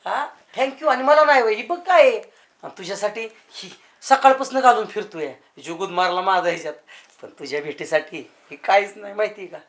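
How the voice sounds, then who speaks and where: A man's voice: high voice, a little fast, a bit bright. An actor playing a brash lovesick young village man, boastful and full of rustic banter. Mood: sweet-talking. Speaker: lovesick suitor. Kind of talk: village comedy acting.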